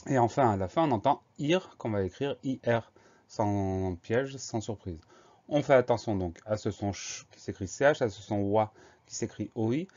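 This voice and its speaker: Un homme enseignant l'orthographe avec un accent français, qui épelle les mots lettre par lettre, de façon lente et patiente. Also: male voice, fairly low pitch, a little mellow, lo-fi sound. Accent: French. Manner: slow, patient, spells letters one by one. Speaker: teacher. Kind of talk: spelling lesson, dictation.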